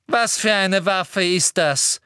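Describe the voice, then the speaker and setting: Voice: mid-range voice, expressive, a little slow, fairly bright tone, no echo, clean studio sound, voice pushed up. A reader voicing an eager, pushy middle-aged woman official in an audiobook, asking insistent questions. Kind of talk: audiobook character voice.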